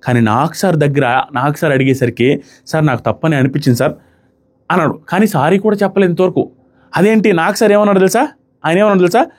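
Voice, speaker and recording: Fast-talking man reviewing a reality show. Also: sits high. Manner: rapid, animated commentary, quoting others in passing. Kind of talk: casual spoken review.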